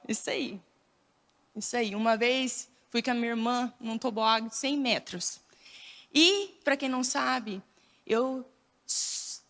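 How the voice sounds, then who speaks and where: A young woman from Brazil preaching a sermon in a church, telling stories with lively bursts of shouting. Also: high voice. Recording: church hall reverb.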